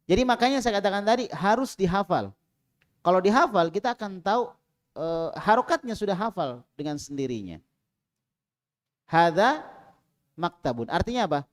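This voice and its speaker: A man teaching an Arabic class in a small prayer room, calling on students and drilling them, with loud prompts and quiet asides. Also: high voice, animated, brisk.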